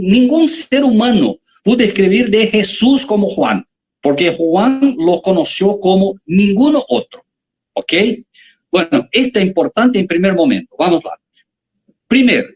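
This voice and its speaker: Preacher w roots, bouncy pitch, chatty sermon. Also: animated, unhurried, darkish tone. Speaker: preacher in a quoted clip.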